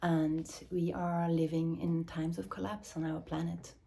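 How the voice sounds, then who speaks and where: A woman from Switzerland, speaking English as an in a slow, searching, reflective address, often dropping into soft whispers. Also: on the low side, flat delivery, creaky. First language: Swiss German or Dutch. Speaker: mother and movement teacher. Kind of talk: reflective spoken address to camera.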